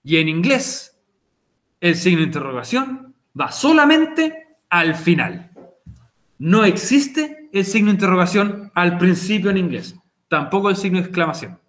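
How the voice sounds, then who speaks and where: A Chilean man with a rather high voice leads a virtual English lesson. He goes over each point more than once in an easy, conversational way and checks in with his students over the call. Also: very animated, measured pace, fairly bright tone. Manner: patient, repeats key points, chats with students. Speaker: English teacher. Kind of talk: online class explanation. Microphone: video call.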